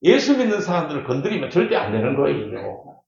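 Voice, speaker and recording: A middle-aged male pastor preaches in a church. His pitch swings widely as he hammers home repeated key words and throws questions to the congregation. The sound is dull and lo-fi, with a strong echo from the hall. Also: huge pitch swings, a little fast, gravelly. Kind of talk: sermon. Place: church sanctuary.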